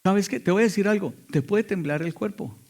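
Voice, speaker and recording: Emphatic male pastor, slightly high voice. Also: fairly quick. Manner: emphatic preaching with sudden loud and quiet passages. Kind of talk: sermon.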